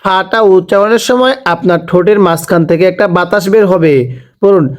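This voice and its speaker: A man teaching Arabic letters, calling each one out slowly and having the learners repeat after him. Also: high-pitched. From Bangladesh. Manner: slow drawn-out letter calls, repeated prompts. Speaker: Quran reading teacher. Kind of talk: letter-by-letter recitation lesson.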